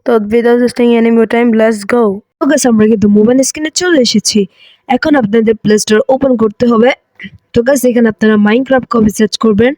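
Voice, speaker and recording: A hoarse man hosting a gaming channel, chatty and excitable as he comments on mobile gameplay, with English phrases mixed in. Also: very high-pitched, a little fast, dry recording. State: hoarse, coughing.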